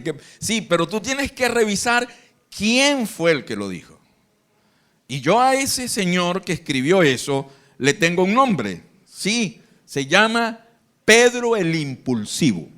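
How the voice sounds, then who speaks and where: Animated Venezuelan pastor preaching. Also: male voice, high-pitched, measured pace. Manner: animated, acts out Bible scenes in voices. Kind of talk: live sermon. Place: church hall.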